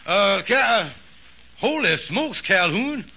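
Kingfish, a blustering schemer. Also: male voice, high voice, sing-song, gravelly, sharp tone, husky, full character voice. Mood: scheming. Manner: blustering, fast-talking, wheedling. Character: boastful scheming fast-talking male con man. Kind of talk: 1950s radio sitcom acting. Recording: faintly noisy lo-fi old radio recording.

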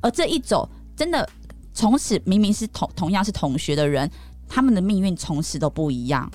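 Woman host, casual podcast talk, very lively pitch, emphatic. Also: brisk, faint music behind.

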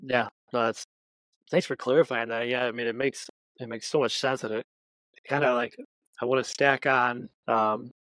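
A man hosting a podcast, thinking aloud in a rambling, halting way. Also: medium pitch, fairly even intonation, fairly bright tone, dry recording, rough recording. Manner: rambling, halting, with many restarts and fillers. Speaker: podcast host. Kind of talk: casual interview talk.

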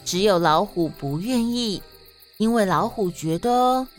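Soft music plays behind a Taiwanese-accented woman who hosts a podcast for kids and narrates its stories. Her mid-range voice is animated and expressive, her delivery a little slow.

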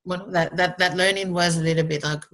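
Low-voiced woman with a Basque Spanish accent. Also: steady tone, a bit bright. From Basque Country, Spain. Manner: halting, rambling, tags phrases with "no?". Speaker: interview guest, entrepreneur. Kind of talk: casual conversational interview answers.

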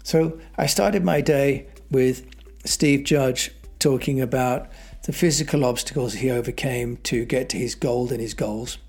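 A man with a husky, slightly breathy voice at an ordinary middle pitch, speaking on his own podcast. He talks in a loose, conversational way, dropping in "uh"s and restarting phrases as he goes. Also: a little mellow. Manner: conversational, with frequent fillers and restarts. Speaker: podcast host. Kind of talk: solo podcast monologue.

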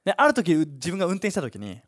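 A man preaching a sermon as pastor, pausing for an interpreter and acting out the voices in his stories. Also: sits high, huge pitch swings.

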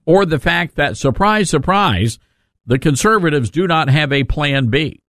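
A man's voice: fairly high pitch, lively intonation, measured pace, fairly bright tone, dry recording, studio quality. A male talk radio host giving folksy, conversational live commentary. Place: dry radio studio.

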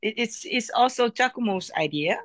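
A woman's voice: a little high, animated, normal speed, fairly bright tone, dry recording. A woman from Thailand, a tattoo artist guest, giving short, hesitant answers in a casual interview. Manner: shy, brief hesitant answers.

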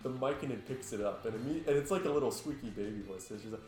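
A man's voice: mid-range voice, quick pace, a little mellow. A young man playing a party card game with friends, telling stories and laughing through his lines. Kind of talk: casual chat. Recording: echoey room with faint music.

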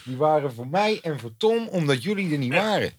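A man's voice: a little high, expressive, fairly quick, noisy background. Een man die als medepresentator van een podcast zijn gast schertsend de les leest. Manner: bossy, mock-scolding. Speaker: podcast co-host. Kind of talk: casual podcast chat.

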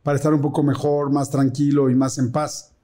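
Mexican man, podcast co-host, slightly high voice, relaxed conversational delivery. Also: fairly quick. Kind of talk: casual chat.

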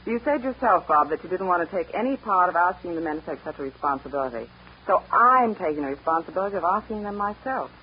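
An actress playing a brisk, earnest young Eastern woman who has taken charge of her ranch, in 1940s radio acting. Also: on the low side, lively intonation, slightly rough. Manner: firm, decisive, earnest. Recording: dull old radio broadcast with faint hiss.

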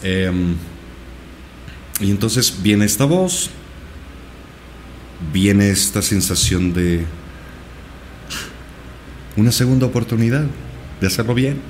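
A man's voice: lowish voice, lively intonation, slow pace, pauses often, darkish tone, a little hiss or hum. A male podcast guest earnestly recounting a personal experience, with many repetitions. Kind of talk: personal storytelling in a podcast interview.

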